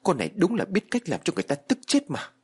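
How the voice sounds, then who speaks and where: A man voicing a harsh, domineering old woman who scolds and curses her household in a shrill voice. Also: big pitch swings, quick pace, breathy edge. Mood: furious scolding.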